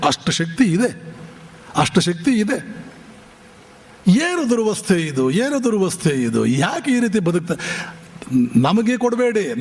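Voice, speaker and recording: A man's voice: sits high, a little mellow. A monk from giving a spiritual discourse, impassioned and firing rhetorical, scolding questions at his listeners. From Bijapur region, north Karnataka. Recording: long hall reverb.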